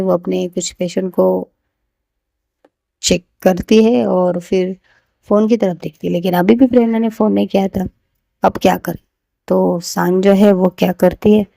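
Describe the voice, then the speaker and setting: A woman storyteller narrating a serial romance in a plain, conversational way. Her voice is dark and gravelly with fry, and the recording is dry and close with no room sound. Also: medium pitch, no echo.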